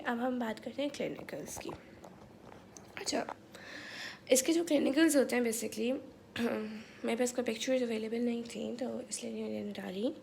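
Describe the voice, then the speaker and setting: A woman with a raised, gravelly voice and a slightly sore throat talks through a lecture in a relaxed, chatty way, checking in with listeners as she goes. A faint hiss sits under the recording. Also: on the high side. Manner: chatty, mixes English terms, repeats "theek hai". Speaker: medical lecturer. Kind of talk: casual online lecture.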